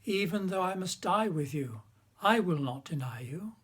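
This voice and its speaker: A man playing a loyal, insistent male disciple with a husky voice in a dramatised Bible reading. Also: high-pitched, animated, normal speed, fairly bright tone, full character voice. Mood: insistent, devoted.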